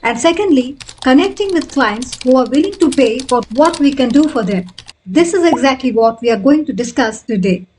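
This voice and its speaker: A woman in her thirties giving a scripted freelancing tutorial, explaining each step clearly and in order. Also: sits high, expressive, normal speed, background noise. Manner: clear, step-by-step instructional delivery. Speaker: freelancing coach.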